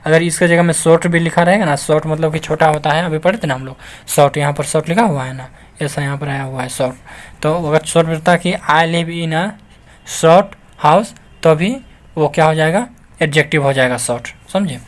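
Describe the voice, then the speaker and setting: A man's voice: a little high, steady tone, fairly quick. A man teaching an English grammar lesson, explaining patiently and repeating each point with frequent checks that the listeners follow. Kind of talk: classroom-style grammar lesson.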